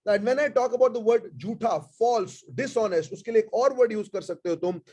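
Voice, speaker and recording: Slow, high-voiced Indian teacher. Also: male voice, mellow. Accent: Indian English. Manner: switches between Hindi and English, repeats key words slowly. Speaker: online vocabulary teacher. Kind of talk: live online class.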